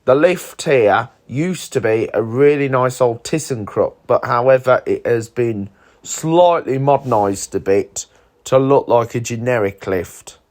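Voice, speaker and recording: A man's voice: mid-range voice, a little slow, darkish tone. A man hosting a video with casual, slightly hesitant, plain-spoken voice-over narration. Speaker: video host.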